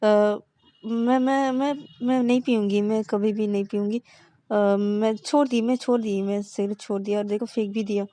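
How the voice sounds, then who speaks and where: A woman's voice: high voice, fairly even intonation, normal speed, dark tone, no room sound, voice pushed up. A woman voicing a young woman who pleads and apologizes, stammering and repeating words. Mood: pleading.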